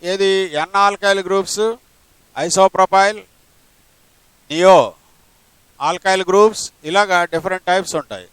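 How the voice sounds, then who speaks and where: A man's voice: high voice, fairly bright tone, clear, resonant tone, dry recording, poor audio. A male chemistry teacher, lecturing a class step by step and asking rhetorical questions. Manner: mixes English terms into his talk.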